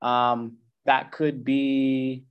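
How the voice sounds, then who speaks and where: This coach's medium-pitched voice holds a level tone with drawn-out words, and the sound is clean but has its highs cut off. He gives casual instruction on nutrition and when to eat, staying loose and slangy with fillers and playing the brain in goofy voices.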